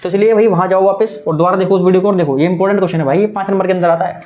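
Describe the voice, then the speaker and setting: A man's voice: high voice, fairly even intonation, rapid-fire, warm tone, slight background noise. A young adult man teaching a maths exam-prep lesson, talking in a coaxing, repetitive way and mixing in English terms.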